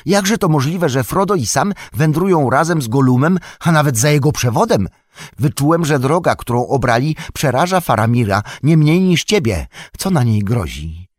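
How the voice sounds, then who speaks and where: A man voicing an anxious, eager young male hobbit in an audiobook, his voice raised high and urgent. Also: sing-song, moderate pace, few pauses, a little mellow, dry recording, clean studio sound. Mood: pleading. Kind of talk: audiobook reading.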